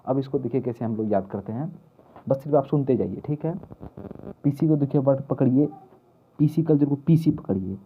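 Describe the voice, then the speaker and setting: A man's voice: mid-range voice, dark tone, breathy edge. A man teaching exam mnemonics, repeating key words and asking questions he answers himself. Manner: repetitive, asks questions and answers them himself. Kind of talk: mnemonic lesson for exam prep. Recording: tinny phone-like lo-fi audio.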